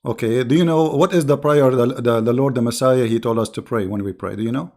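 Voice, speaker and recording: A man hosts a live call-in debate, his tone mocking and repetitive. His voice sounds a little hoarse. He sits at a mid pitch for a man. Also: fast talker, a little mellow. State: slightly hoarse. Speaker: call-in show host. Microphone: Skype call-in setup.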